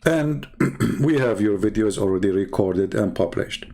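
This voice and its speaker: A man's voice: animated, measured pace, gravelly, warm tone. Scornful man. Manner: mocking, scornful, swings between low mutters and high exclaims. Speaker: online debater. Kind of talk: heated ranting monologue.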